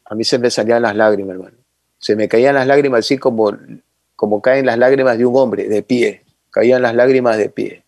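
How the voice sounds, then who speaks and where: A man from Ecuador, a football commentator telling lively anecdotes in an interview and calling the listener "brother". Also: medium pitch, a little fast, no echo, studio quality. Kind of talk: interview storytelling.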